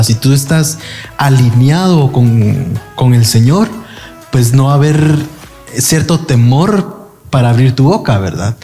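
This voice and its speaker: A man calmly giving spiritual advice on a church program, often pausing to ask for agreement. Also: mid-range voice. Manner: reflective, calm, asks for agreement with "¿verdad?".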